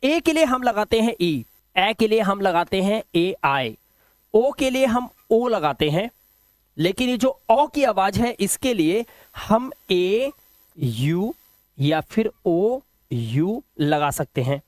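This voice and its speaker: A man explains a lesson in a high, animated voice and keeps asking his viewers questions before he answers them himself. The sound is dry and close, with no room around it. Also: slow, dry recording. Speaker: English teacher. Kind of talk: classroom-style video lesson.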